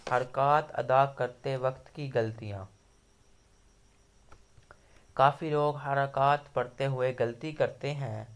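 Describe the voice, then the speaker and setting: Male teacher, mid-range voice, patient lesson delivery, repeats sounds slowly for learners. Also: mid-range voice, steady tone, clean tone. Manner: patient, repeats letters slowly with drawn-out demonstration syllables. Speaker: Quran recitation teacher. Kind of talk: online tajweed lesson.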